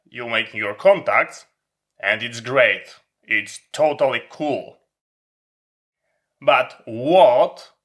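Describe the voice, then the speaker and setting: A hobby vlogger with a bright, pushed mid-range voice demonstrates a product hands-on in an informal way. His explanations come in deliberate, broken-up phrases with emphatic pauses.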